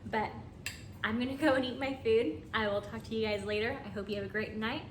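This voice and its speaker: A woman's voice: a little high, steady tone, a little fast. A woman giving a casual cooking vlog walkthrough from her home kitchen in a friendly, chatty way. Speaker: home cook. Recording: echoey room, voice from a distance, noisy.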